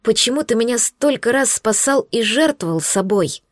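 A woman's voice: on the high side, expressive, normal speed, no echo, clean studio sound. A woman voicing an emotional young heroine who speaks in a pleading tone. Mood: hesitant.

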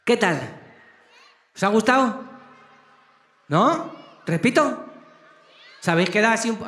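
A man's voice: very high-pitched, fairly bright tone. A man on stage at a children's concert, playfully coaxing the crowd with questions and jokes. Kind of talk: live concert banter to a crowd of kids. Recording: echoey live stage with music.

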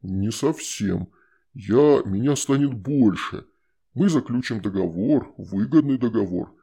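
A man reading an audiobook voices a scheming, coaxing shadow spirit in a slow, husky, wheedling voice. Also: medium pitch, expressive, mellow, voice pushed down. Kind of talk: audiobook character voice.

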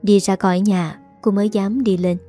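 A woman's voice: mid-range voice, moderate pace, soft background music. A woman narrating a serialized story aloud, reading every character in the same voice. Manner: reads all characters in one even voice.

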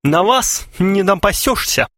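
A man's voice: high-pitched, lively intonation, measured pace, a bit bright, no echo, voice pushed up. A man voicing a haughty, curt male bookshop clerk who answers drily in a comic story. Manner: dry, curt.

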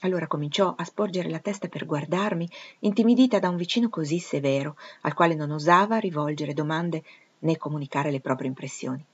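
A woman's voice: sits low, a little fast, husky. Woman reading a novel aloud. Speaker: audiobook reader. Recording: dull, muffled audio.

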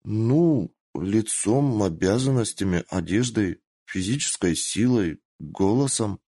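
A man's voice: lowish voice, expressive, takes it slowly, dark tone, slightly rough, full character voice. A man voicing a naive, playful young female fox spirit in a squealing, childlike voice in an audiobook. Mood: innocent explaining. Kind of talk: audiobook character voice.

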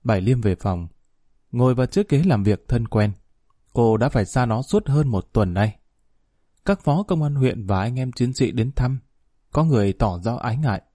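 A man reads a story aloud in a steady, measured way. His voice is mellow and warm. The sound is close and dry. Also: medium pitch, no echo. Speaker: narrator. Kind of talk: audiobook narration.

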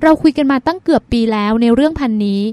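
A woman reading the part of a calm, gentle young man speaking softly to his girlfriend in an audiobook. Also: extremely high pitch, fast, no echo. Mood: soothing.

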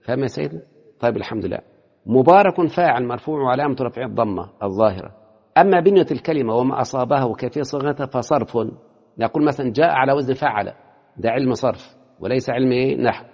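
A man with an Egyptian Arabic accent teaching Arabic morphology, breaking up his classroom lecture with quick questions to his students. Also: mid-range voice, lively intonation, creaky. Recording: lo-fi with long hall reverb.

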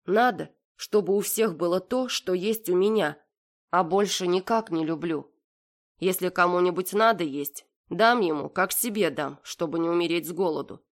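A woman voicing a stubborn young girl who speaks in a flat, indifferent monotone. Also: lowish voice, moderate pace, natural voice.

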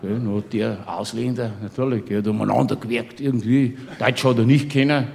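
A man's voice: mid-range voice, fairly even intonation, brisk, creaky, a little mellow, slight background noise. A man with a Bavarian accent telling a comic story in dialect, laughing through it and tossing chummy asides to the listener. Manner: boisterous, keeps laughing through his own tale.

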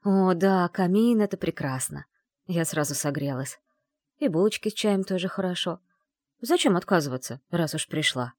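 Expressive woman narrating an audiobook. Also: fairly low pitch, normal speed, dry recording, studio quality. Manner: expressive, animated storytelling. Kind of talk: first-person audiobook narration.

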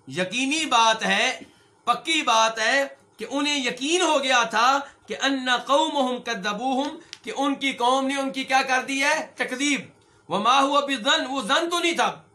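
A middle-aged man teaching a religious lesson, his voice pitched unusually high for a man and very bright and sharp. He reads each Arabic phrase slowly and then unpacks its meaning. He keeps posing questions to his listeners, whom he calls brothers, and answers them himself. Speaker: Islamic scholar and hadith teacher.

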